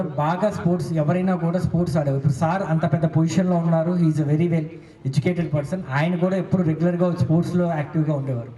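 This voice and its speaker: A man's voice: fairly high pitch, dark tone. A man, a former national volleyball player, giving an earnest motivational speech with a personal story, mixing in English phrases. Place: school event hall. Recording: echoey hall, voice from far off.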